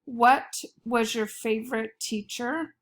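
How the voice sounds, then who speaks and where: A woman's voice: a little high, fairly even intonation, slow. A woman, a schoolteacher dictating a spelling test, setting words apart carefully and repeating them. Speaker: elementary school teacher.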